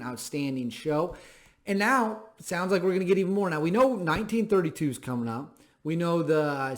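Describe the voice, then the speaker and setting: A thirty-year-old man hosting a show, speaking an emphatic, plainspoken commentary monologue and repeating phrases for stress. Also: a little high. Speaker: show host. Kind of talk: opinion commentary monologue to camera.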